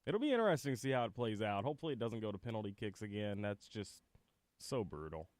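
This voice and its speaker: Easygoing Midwest co-host, lively voice. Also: male voice, lowish voice, fast, no room sound. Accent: American Midwest. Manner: laughs easily, talks in long, searching sentences. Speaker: sports radio co-host. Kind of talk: casual sports talk radio banter.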